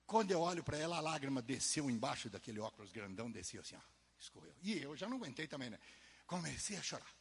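A man preaching a testimony sermon, telling a story in an animated way, swinging from soft asides to loud emphasis, with a husky voice. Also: medium pitch, quick pace. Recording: long hall reverb.

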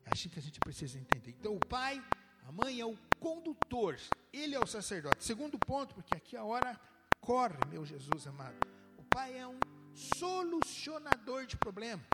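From a church pulpit, a middle-aged pastor preaches at a moderate pace in a fairly high voice. His animated emphasis swoops widely from low to high, while loud instrumental music plays underneath throughout.

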